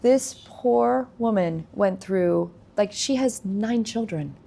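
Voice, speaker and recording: Gravelly-voiced woman telling a story. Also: medium pitch, slow pace. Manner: animated storyteller, acts out quoted speech. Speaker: guest, nursing company founder. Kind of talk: storytelling in a casual interview.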